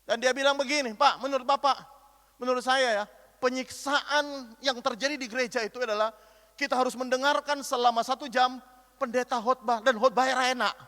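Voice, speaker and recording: High-voiced pastor man, lively sermon, big echoey church hall. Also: fairly quick. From Indonesia. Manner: lively, animated preaching with acted-out quotes and call-and-response questions.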